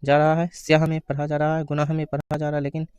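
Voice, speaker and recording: A man giving an exam-prep grammar lesson, asking questions and answering them himself, reading out the answer options slowly. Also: on the high side, monotone, a little mellow, clean tone, dull audio. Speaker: teacher.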